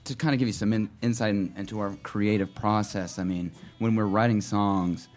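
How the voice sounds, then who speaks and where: A man's voice: lowish voice, steady tone, brisk, darkish tone. A man in a casual radio interview, rambling and joking about how his band works. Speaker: band member, guest.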